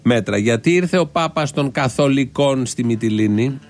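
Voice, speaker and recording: A man's voice: medium pitch, animated. A man co-hosting a satirical radio show with dry, ironic commentary. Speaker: radio comedy co-host.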